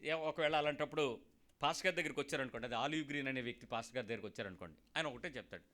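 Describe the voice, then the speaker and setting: A man's voice: medium pitch, rapid-fire. A man preaching a sermon as pastor, joking and talking straight to the listeners, acting out the people he quotes. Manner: lively, joking, talks straight to listeners and acts out callers.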